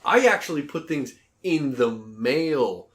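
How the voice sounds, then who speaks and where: Lively, playful dad podcast co-host. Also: male voice, mid-range voice, slow pace. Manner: playful, riffing, laughs often. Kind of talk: casual chat.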